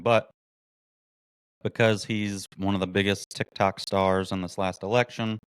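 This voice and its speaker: Mocking male podcast host, smooth and dry. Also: low voice, no room sound. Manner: mocking, indignant, reads articles aloud. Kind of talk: political commentary monologue.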